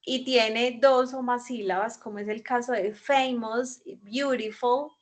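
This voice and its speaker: Colombian woman teacher, patient and methodical, higher voice, unhurried delivery, online class over video call. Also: fairly even intonation. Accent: Colombian Spanish. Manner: patient, explanatory, often checks with "¿cierto?". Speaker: English teacher.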